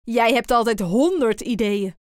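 A woman's voice: a little high, measured pace, no room sound, studio quality, natural voice. A woman voicing a cheeky, grinning male monkey who teases his friend, in a children's storybook. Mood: teasing. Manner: teasing and good-humoured.

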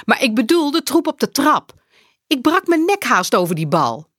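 A woman's voice: sits high, very animated, moderate pace, fairly bright tone, no echo, clean studio sound, voice pushed up, exaggerated voice. A woman reading a children's storybook aloud, voicing an exasperated mother who scolds her untidy daughter in a somewhat raised voice.

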